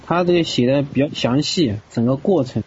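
A man's voice: medium pitch, brisk, a little mellow. Male Bible study participant, plain and agreeable, on a dull recording with faint background noise. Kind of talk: scripture reading and casual discussion.

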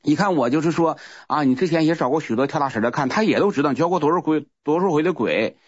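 Man, rapid rambling testimony, slightly high voice, muffled dry recording. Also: lively intonation, husky, no room sound. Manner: rambling, repeats words, restarts often. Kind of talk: casual spoken testimony.

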